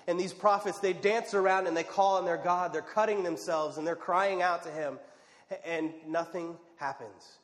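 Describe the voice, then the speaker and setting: A man's voice: high-pitched, steady tone, normal speed. Man preaching in a reverberant church hall. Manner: dramatic, drops to a hush for quiet moments. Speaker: pastor. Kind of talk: sermon. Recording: long reverb of a large hall.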